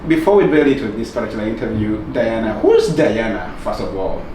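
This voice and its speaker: A man's voice: lowish voice, big pitch swings, brisk, echoey room, distant mic, noisy background. A man hosting a news channel interview on set, talking effusively with many fillers and hesitations. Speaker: interview host. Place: studio set with roomy sound.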